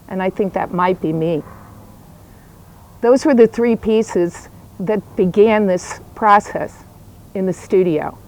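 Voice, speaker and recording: A woman's voice: medium pitch, rough recording. Older woman, chatty backyard video presenter. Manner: chatty, welcoming address to viewers. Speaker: visual artist presenting own work. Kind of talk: informal video talk to camera about own artwork. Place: outdoors in a backyard.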